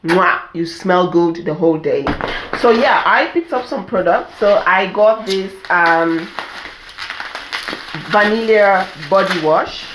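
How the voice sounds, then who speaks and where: A woman's voice: medium pitch, slow, background noise. Congested woman chatting in an echoey room. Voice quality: congested, nasal. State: stuffed-up nose from an allergic reaction. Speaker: beauty and self-care vlogger. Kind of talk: casual chatty unboxing vlog. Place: indoor room at home.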